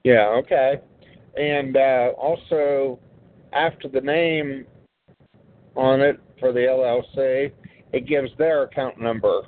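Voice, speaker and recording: A man's voice: medium pitch, fairly even intonation, slow pace. Man calling in on a tinny speakerphone. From West Virginia. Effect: heard over a phone speaker. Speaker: caller. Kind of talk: casual call-in chat.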